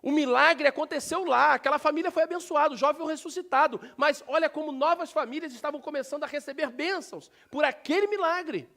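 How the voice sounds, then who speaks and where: A man with a Brazilian Portuguese accent preaching a sermon in a church, talking directly to the congregation and breaking into sudden loud shouts. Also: extremely high pitch, fast, gravelly, hardly any pauses. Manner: animated, talks directly to the congregation. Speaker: pastor. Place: church sanctuary.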